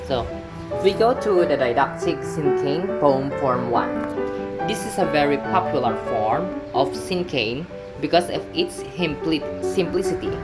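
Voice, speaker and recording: A woman giving a class presentation on a poetry form, speaking carefully with some halting restarts. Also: extremely low pitch, poor audio. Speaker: student presenter.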